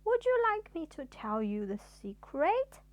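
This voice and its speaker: A woman voicing a kind, gentle male tramp in a children's storybook, patient and soothing. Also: high voice, sing-song, a little slow, no echo. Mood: reassuring.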